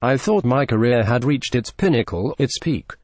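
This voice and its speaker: A man's voice: medium pitch, lively intonation, moderate pace, a little mellow, no room sound. Man reading a news report, dry. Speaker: news narrator. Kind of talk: scripted news narration.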